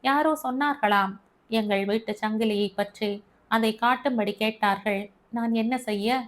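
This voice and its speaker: A woman narrating a first-person short story in a measured, steady reading. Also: a little high.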